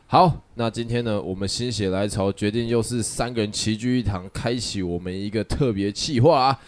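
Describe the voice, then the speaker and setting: A man hosting a casual chat podcast, telling stories in an animated way and laughing often. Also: on the low side, normal speed, a little hiss or hum. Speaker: podcast host.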